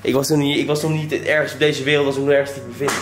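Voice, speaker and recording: A man's voice: medium pitch, flat delivery, rapid-fire, a little hiss or hum. Chatty young man vlogging in an echoey room. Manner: rambling, chatty, addresses viewers as "jongens". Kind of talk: casual vlog chat. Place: indoors at home.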